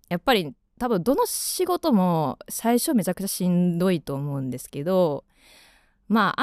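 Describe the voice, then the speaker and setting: A woman's voice: sits low, darkish tone, dry recording, clean studio sound. A young woman in her twenties with a Kansai accent, chatting casually as a radio host and rambling through lots of fillers.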